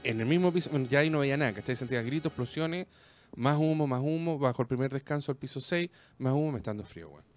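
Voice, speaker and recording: A man with a Chilean accent telling a story in casual chat, rambling and animated, full of slang. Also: mid-range voice, fast, soft background music.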